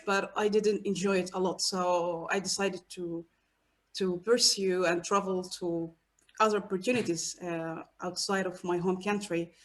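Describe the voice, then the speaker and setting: A woman from Egypt, a guest researcher, talking about herself in a casual interview with many pauses and fillers. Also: mid-range voice, a bit bright. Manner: hesitant, many fillers and restarts.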